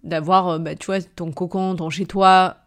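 A woman's voice: lowish voice, little pitch movement, normal speed. A young woman from southern France talking about her travels in a personal diary-style podcast, teary and emotional, hesitant, with many fillers and restarts. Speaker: podcast host.

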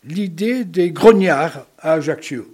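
A man's voice: fairly high pitch, slow pace, slightly rough. An older man from Corsica, a longtime band member, reminiscing as a guest in a casual, jovial way. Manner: lively, jovial storyteller.

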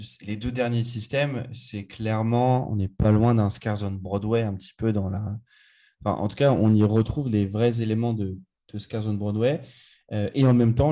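Man, low mellow voice, enthusiastic co-host who rambles and restarts. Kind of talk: casual chat.

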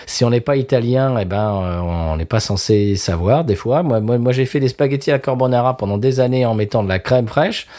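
A man's voice: mid-range voice, brisk, hardly any pauses, warm tone. A man co-hosting a casual chat, talking animatedly and often stammering and restarting his words. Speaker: podcast co-host.

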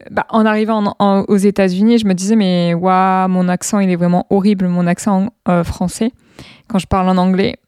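Host interviewer: woman, mellow tone, dry close sound, chatty storyteller. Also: mid-range voice, clean tone, dry recording. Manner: conversational, tells personal anecdotes. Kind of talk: casual interview chat.

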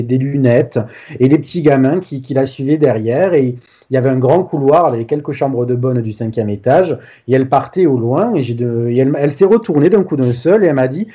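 A man's voice: medium pitch, dark tone, slightly rough. A man telling a personal ghost story in a casual, hesitant way, full of restarts and fillers. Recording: dull lo-fi sound.

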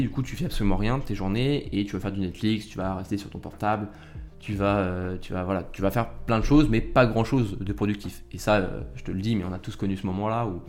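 Chatty young man, low voice. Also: a little mellow. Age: young adult. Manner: chatty, addresses listener directly, with frequent fillers. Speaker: podcast host. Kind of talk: casual advice podcast monologue.

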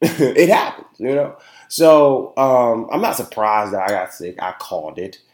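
In an unhurried, expressive, slightly mellow mid-range voice, a young male podcast host talks solo and casually. He sounds nasal and stuffed up, rambling with many fillers and frequently tossing in "you know what I'm saying." The room is echoey and spacious.

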